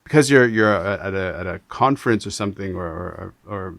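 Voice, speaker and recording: A man from Canada hosting an interview, talking in an animated, rambling way with many restarts. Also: sits low, a little fast, gravelly, no room sound. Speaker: podcast host. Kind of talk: casual interview chat.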